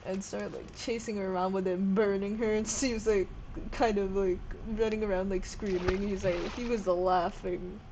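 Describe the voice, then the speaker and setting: A woman's voice: medium pitch, steady tone, normal speed, few pauses, a little mellow. A sleep-deprived woman vlogging in a casual, rambling way, swearing often and jumping from topic to topic. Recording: noisy background hiss.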